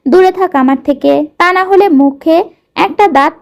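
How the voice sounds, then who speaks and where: A woman's voice: very high voice, a little slow, vocal fry, exaggerated voice. Woman reading as a harsh, furious young heir. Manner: harsh, threatening. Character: angry proud young man, rich heir.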